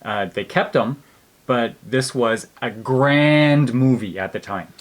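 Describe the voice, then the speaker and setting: A man's voice: medium pitch, takes it slowly. A man co-hosting a casual, conversational movie review. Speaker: co-host of a movie review channel.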